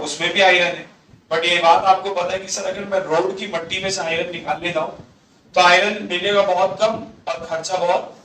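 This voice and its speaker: A man's voice: high-pitched, sharp tone, far from the mic. A man teaching a classroom lecture, mixing Hindi with English terms and quizzing the class with questions he answers himself. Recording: echoey room, voice off-mic, faint hum.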